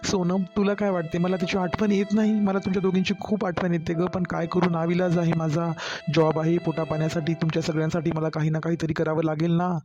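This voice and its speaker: Man voicing a weary husband far from home, flat. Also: fairly high pitch, fast talker, lo-fi sound, music in the background, lightly acted. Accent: Marathwada Marathi. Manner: pleading, tired explaining. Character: young husband working far away, weary. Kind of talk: cartoon story voice acting.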